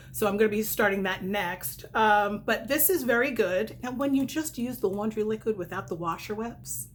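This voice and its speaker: A woman's voice: mid-range voice, a bit bright. A middle-aged woman chatting casually about products, rambling and candid, with whistling, slightly spitty s sounds. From lives in New York, United States. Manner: rambling, self-correcting, candid. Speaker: vlogger and direct-sales consultant reviewing products.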